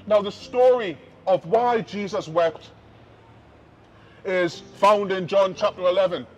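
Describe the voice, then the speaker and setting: High-voiced street preacher. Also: male voice, lo-fi sound, slight background noise. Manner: emphatic, repeats key phrases, shifts between loud and hushed. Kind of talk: open-air street preaching. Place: outdoors on a city street.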